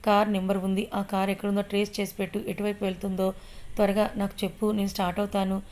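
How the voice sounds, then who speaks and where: Hero part: a woman voicing a determined young man, even, unvaried delivery. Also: mid-range voice, fast, natural voice. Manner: earnest, determined. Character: brave young male hero, devoted lover.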